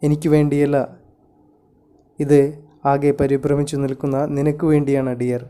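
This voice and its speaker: A man's voice: fairly high pitch, monotone, dark tone, clean tone, lightly acted. A man reading as a weary, worried young mother. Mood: teasing. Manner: measured bilingual reading of her lines.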